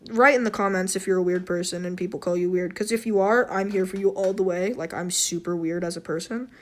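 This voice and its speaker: A woman with a hoarse, slightly wheezy voice giving a casual, unscripted game tutorial in a rambling, self-deprecating, apologetic way. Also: lowish voice, fairly even intonation, fairly quick. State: hoarse throat. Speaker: tutorial host.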